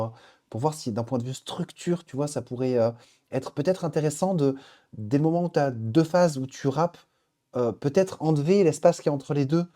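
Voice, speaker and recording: Mellow, hesitant male streamer. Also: a little high. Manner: hesitant, many filler sounds and restarts; friendly, encouraging critique. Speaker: streamer reviewing listeners' music tracks. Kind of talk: casual live-stream feedback.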